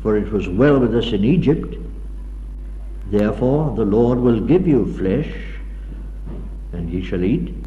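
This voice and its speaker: On an old 1960s tape, a man reads scripture in a slow, mellow voice that swings widely in pitch as he declaims. The sound is dull and echoes with a long hall reverb. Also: animated, a little hiss or hum. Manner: dramatic, declaiming reading of scripture. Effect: old 1960s tape recording. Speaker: preacher. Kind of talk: sermon with scripture reading. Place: lecture hall.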